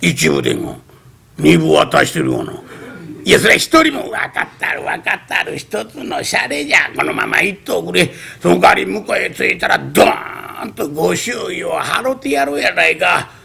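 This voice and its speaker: A man voicing a tipsy, scheming middle-aged male merchant with a Kansai accent, coaxing in a hushed, conspiratorial way in traditional comic storytelling. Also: sits high, sing-song, normal speed, vocal fry, husky, full character voice. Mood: breezy.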